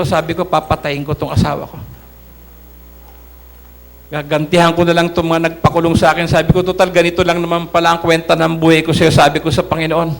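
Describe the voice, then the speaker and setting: A man's voice: a little high, vocal fry. A middle-aged man from the Philippines giving an earnest church testimony, addressing the congregation as brothers and sisters.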